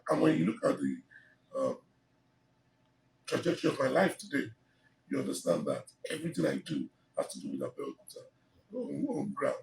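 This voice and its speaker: Sitting on a living room sofa, a middle-aged man with a Nigerian English accent tells his life story to an interviewer holding a handheld mic. His medium-pitched voice swings hugely in pitch at a moderate pace, creaky and a little mellow, with frequent pauses and many fillers in his emphatic, expansive telling. The sound is roomy and slightly distant, with slight background noise.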